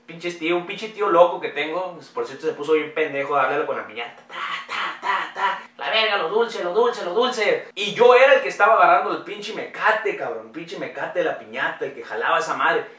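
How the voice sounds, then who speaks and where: A man's voice: on the high side, expressive, a little fast, few pauses, bright, forceful tone, reverberant, distant mic. A young man with a Mexican Spanish accent, ranting sarcastically and profanely as a comedy vlogger. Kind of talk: crude comedic rant.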